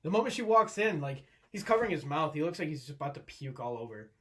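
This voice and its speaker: A man's voice: fairly high pitch, sing-song, fast talker. A young man co-hosting a podcast in casual chat, laid-back and often chuckling. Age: young adult. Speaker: podcast co-host.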